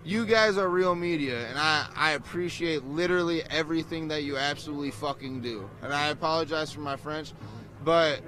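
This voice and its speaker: A man's voice: on the high side, brisk, bright, forceful tone. A man protester in a street interview, choked up, speaking earnestly and emotionally outdoors.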